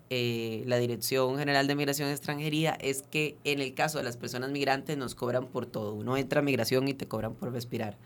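With a clean tone and an ordinary-pitched voice, a Venezuelan activist guest on a talk program explains procedures thoroughly and earnestly. He tends to pause on fillers and restart what he's saying in this explanatory radio interview.

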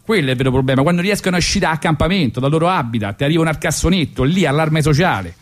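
A Roman-accented man hosts a radio show from the studio, telling comic stories in an ironic, meandering style packed with asides. His voice is on the high side, animated and very fast.

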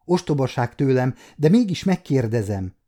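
A man in his fifties voicing a wounded, bedridden knight in his thirties who speaks earnestly, with gentle wry humor. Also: medium pitch, sing-song. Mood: tender. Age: 50s.

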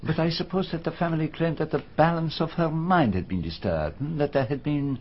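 An actor playing the detective Poirot in a BBC radio drama, speaking in a precise, formal way and asking probing questions. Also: male voice, a little high, a little fast, breathy edge. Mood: inquisitive. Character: Poirot, fastidious middle-aged male detective. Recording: dull archive radio recording.

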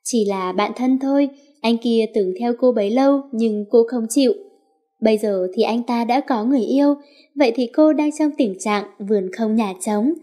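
A woman storyteller reads a story aloud with expression. Her voice is mellow and warm, pitched slightly high. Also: moderate pace. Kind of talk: story narration.

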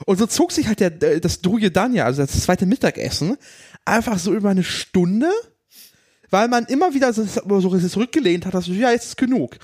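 High-voiced, lively man telling anecdotes. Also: husky, no room sound, studio quality. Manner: colloquial, drops English slang. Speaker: podcast co-host. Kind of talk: casual chat, anecdotal.

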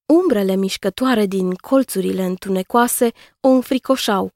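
A woman reads a children's story aloud in a calm, measured voice. Her pitch sits in the middle. The recording is dry and close to the mic. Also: no echo. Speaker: narrator. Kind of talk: scripted narration of a children's story.

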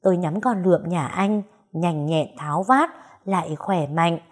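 A woman voicing a stout, fierce older village woman with a gruff deep voice and a domineering manner. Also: a little slow.

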